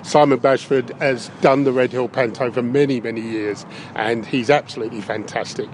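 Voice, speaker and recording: Inside a big top tent in a park, a man gives upbeat, enthusiastic, unscripted answers as an interview guest. His medium-pitched voice has fairly even intonation and a moderate pace, and the on-location recording carries some background noise.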